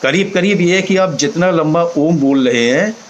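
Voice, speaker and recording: A man teaching slowly, pausing to demonstrate each sound aloud. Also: a little high, rough recording. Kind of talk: explanatory talk on chanting.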